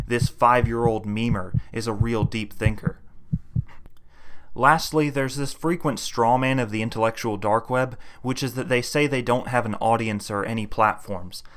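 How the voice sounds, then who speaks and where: A man's voice: medium pitch, a little hiss or hum. A man reading a scripted political commentary in a scornful, combative tone, freely insulting his opponents. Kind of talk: scripted commentary video essay.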